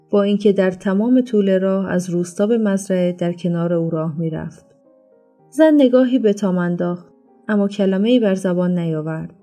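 A woman narrating an audiobook in a steady, even reading voice. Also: mid-range voice. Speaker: storyteller. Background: faint instrumental music.

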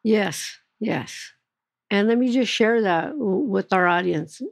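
A woman's voice: medium pitch, takes it slowly, vocal fry, dry recording, studio quality. A woman hosting a podcast, speaking earnestly to her audience. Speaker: podcast host. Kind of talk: podcast interview.

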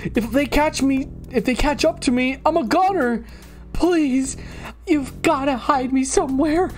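A woman's voice: high voice, measured pace, a little mellow, faint music behind, voice pushed up. A woman voicing a small, frightened talking cotton candy that pleads anxiously. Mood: pleading.

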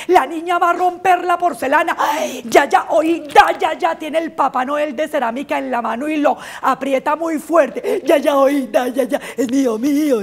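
A woman's voice: high-pitched, voice pushed up. A woman acting out an outspoken little girl in a comic stage monologue, switching among the voices of her family. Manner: blurts embarrassing remarks, switches between family voices. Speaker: stage actress.

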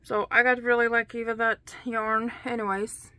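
A woman's voice: fairly high pitch, level tone, moderate pace, pushed and bright, smooth. A woman crochet vlogger chatting casually to her camera at home, rambling and sometimes dropping to a whisper. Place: home room, dim.

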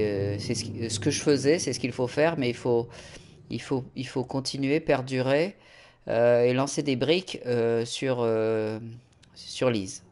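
A man's voice: medium pitch, a little hiss or hum. A man playing a horror game and commenting casually, frustrated and swearing, with lots of hesitant fillers. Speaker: gaming let's-player. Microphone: USB studio mic at desk. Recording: game music loud behind.

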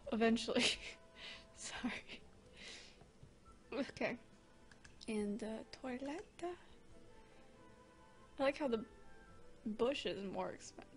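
A woman with the hiccups, chatting excitedly and giggling as she plays a game at her desk microphone. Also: fairly high pitch, slow, pauses often, soft background music. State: has the hiccups. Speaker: gaming channel host. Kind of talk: casual let's-play commentary. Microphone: desk microphone, leaning in close.

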